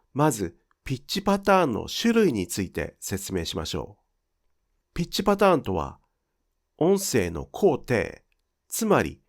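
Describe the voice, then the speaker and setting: Male lesson narrator, clear and measured, very animated intonation. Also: mid-range voice. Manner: clear, measured explanatory delivery. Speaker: Japanese pronunciation teacher. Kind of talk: scripted instructional narration.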